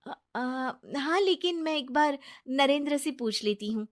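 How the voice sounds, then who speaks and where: A woman voicing a trusting, earnest young wife in an animated storybook, who talks in a reassuring way. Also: high-pitched, unhurried, pitched above the performer's own voice.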